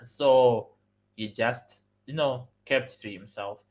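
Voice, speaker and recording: A young man telling a personal story on a livestream, animated and acting out dialogue. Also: medium pitch, slow pace, low-quality recording. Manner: animated, acts out quoted dialogue. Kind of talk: casual storytime.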